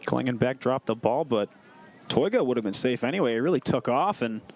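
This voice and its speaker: A man's voice: medium pitch, animated, fairly quick. A man doing live baseball commentary and play-by-play from an outdoor ballpark.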